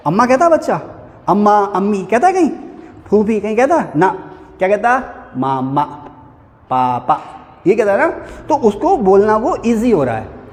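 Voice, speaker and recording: Lively high-voiced male lecturer in reverberant hall. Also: normal speed. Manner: chatty, addresses students as beta, frequent "hai na" asides. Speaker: civil services teacher. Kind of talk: classroom lecture.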